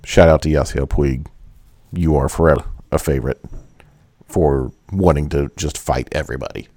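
A man's voice: a bass voice, moderate pace, darkish tone, no echo. A man hosting a casual sports podcast, joking and swearing freely. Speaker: podcast host. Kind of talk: casual chat.

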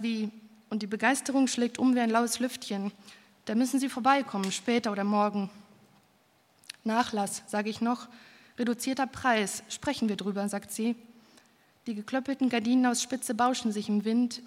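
Woman narrator, fairly high voice, calm literary reading, long reverb around her. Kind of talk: literary first-person reading.

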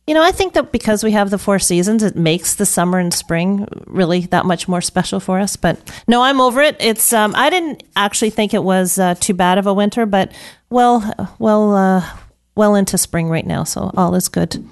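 A woman's voice: medium pitch, expressive, moderate pace. A woman hosting a live radio health show, chatty and rambling, laughing often. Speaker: radio talk show host.

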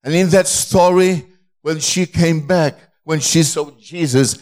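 Slow-speaking male pastor preaching. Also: on the high side, darkish tone. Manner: slow, halting delivery in short phrases. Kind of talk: sermon with consecutive interpreting.

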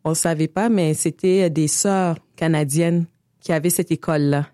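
A woman in her forties from Niger, with a Quebec French accent, telling her life story in a relaxed interview, full of hesitations and laughter. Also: low voice, normal speed, no room sound, studio quality. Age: 40s. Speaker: guest. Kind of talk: casual conversational interview.

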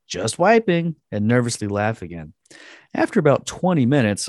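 A man's voice: mid-range voice, darkish tone, no room sound, studio quality. A man co-hosting a casual chat, reading a post aloud with crude jokes and frequent laughs. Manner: crude joking, laughing often. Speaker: podcast co-host.

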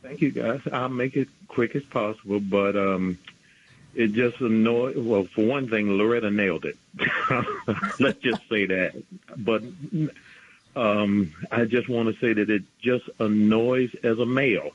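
A man's voice: on the low side, unhurried, slight background noise. A man in his sixties from New York, calling in to a radio show over a clipped phone line and speaking bluntly and indignantly. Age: 60s. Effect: clipped, muffled phone line. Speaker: radio call-in caller. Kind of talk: phone-in opinion.

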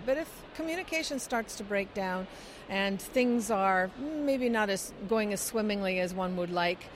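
A middle-aged Scottish woman who sings in a chorus answers interview questions in an explanatory way, using frequent fillers. Her voice is mid-range, and there is background noise.

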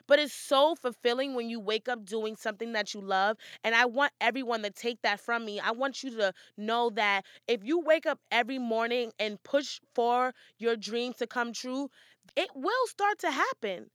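Upbeat bright-voiced woman podcast host. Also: a little high, normal speed, no room sound, clean studio sound. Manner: upbeat and motivational, chatty. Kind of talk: casual solo podcast monologue.

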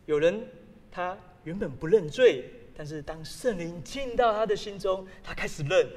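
A man preaching a sermon as a pastor, telling stories with sudden loud exclamations. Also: high voice, normal speed. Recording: long hall reverb.

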